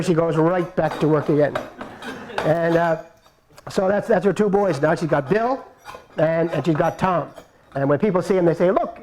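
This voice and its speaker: On a stage before a live audience, a male storyteller recites a folktale, playful and repeating his phrases for effect. His voice is high-pitched and a little mellow, and the audio quality is poor.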